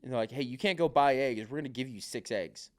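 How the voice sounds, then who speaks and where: Smooth-voiced man in loose, swearing chat. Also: medium pitch, fast. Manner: swearing, rambling, heavy filler words; acts out other people's remarks. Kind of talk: casual podcast chat.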